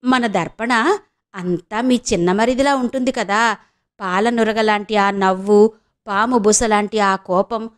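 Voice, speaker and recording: A woman voicing a scheming elderly mother who talks in a slow, knowing, insinuating way in an audio novel. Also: mid-range voice, clear, resonant tone, lightly acted. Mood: sly. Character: scheming elderly village mother, sly and blunt.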